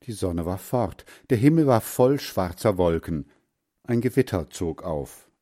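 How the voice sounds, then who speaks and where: Slow, mellow man reading a storybook. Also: sits low, lively intonation. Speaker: narrator.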